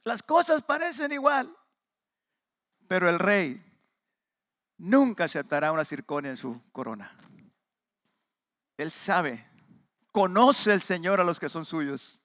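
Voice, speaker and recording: Bright-voiced Mexican pastor preaching. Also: male voice, on the high side, expressive, moderate pace, long pauses, no room sound, clean studio sound. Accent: Mexican Spanish. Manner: emphatic, swings from loud to quiet asides; addresses the congregation directly. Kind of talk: sermon.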